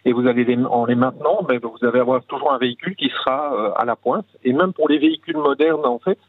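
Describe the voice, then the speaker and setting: A man's voice: mid-range voice, fast, no echo. A man giving explanatory interview answers as a company manager who is a guest on radio. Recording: tinny phone line on radio.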